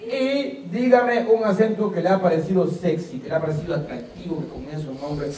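A man's voice: high voice, a little fast. A man with a Salvadoran accent hosting a quiz show, teasing the contestants and laughing often. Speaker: game show host. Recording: echoey, distant mic, loud crowd.

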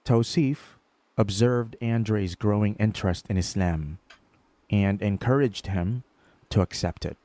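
A man narrating a short documentary profile in a measured, scripted voice-over. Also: fairly low pitch, warm tone, no room sound.

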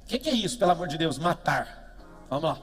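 Brazilian guy, high voice, motivational seminar, shouting chants in a big reverby hall. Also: very animated, quick pace, slightly rough. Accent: Brazilian Portuguese. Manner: emphatic, swings from low asides to shouted chants. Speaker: motivational speaker. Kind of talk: live motivational seminar with call-and-response. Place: large event hall with a big screen. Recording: long hall reverb, faint music behind.

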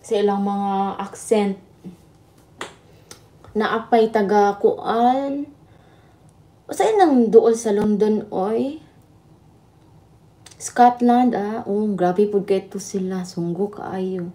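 A woman's voice: medium pitch, steady tone, very slow, pauses often, mellow. Chatty woman livestreaming. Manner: chatty, laughing, switching between Tagalog and Visayan. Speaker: livestream host. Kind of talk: casual live chat with viewers.

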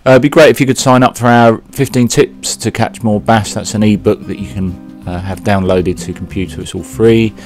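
A man's voice: on the low side, fairly even intonation, a little fast, few pauses. A man giving an easygoing, chatty voice-over outro for his fishing channel, with a few fillers. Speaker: channel host. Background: soft guitar music.

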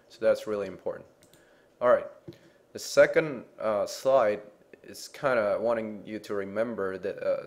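A man teaching a chemistry lesson, explaining slides patiently and often checking in with "okay?". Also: on the low side.

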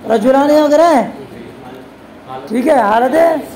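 A woman teaching a classroom grammar lesson, constantly posing quick questions to her students and answering them herself. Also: high-pitched, mellow, poor audio. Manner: addresses students as "beta". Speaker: religious teacher.

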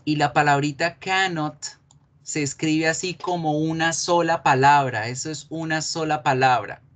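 Un hombre con acento colombiano que da una clase de inglés en línea y explica despacio, repitiendo los ejemplos. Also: male voice, fairly high pitch, a bit bright. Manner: slow, explanatory, repeats examples. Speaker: English teacher. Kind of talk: online class.

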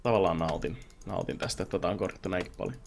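A man playing a video game with a friend, reacting excitably in casual chat and tossing in English words. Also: deep voice, gravelly, slight background noise. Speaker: gamer co-host. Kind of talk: casual let's-play chat.

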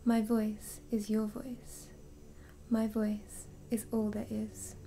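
A woman hypnotist leading a slow, soothing induction, drifting in and out of a whisper. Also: medium pitch, completely flat delivery, mellow, a little hiss or hum.

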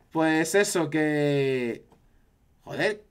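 A man's voice: a little high, clear, resonant tone. A man from Spain with a Spanish accent, chatting casually on a live stream and reacting to his chat.

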